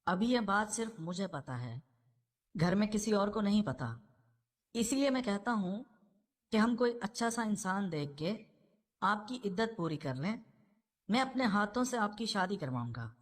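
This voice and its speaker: An earnest young son in a read-aloud novel presses his point insistently, as a woman narrator voices him. The voice stays close to the reader's own, pitched in the middle for a woman and a little lower on his firmer lines. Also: expressive, close to an everyday voice. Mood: indignant. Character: young man, a pleading and indignant son.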